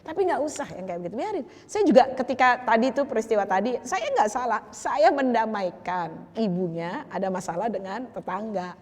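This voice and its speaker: A woman's voice: a little high, expressive, moderate pace, hardly any pauses, darkish tone, long reverb tail. An older woman giving a chatty, teasing sermon to a women's group, slipping in Arabic phrases and slang. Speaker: preacher.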